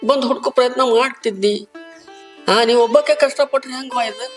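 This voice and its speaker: A man's voice: very high-pitched, brisk, music in the background. A man with a North Karnataka Kannada accent plays a caring older brother who works as a poor laborer. He speaks in an earnest, pleading way, asking the same questions again and again. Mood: anxious. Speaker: actor in a short film. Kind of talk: village family drama acting.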